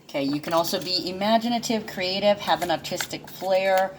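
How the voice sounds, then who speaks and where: An intuitive astrology reader delivers a casual, rambling monologue in a brisk, medium-pitched woman's voice over background noise. She fills it with fillers and restarts, chuckling now and then.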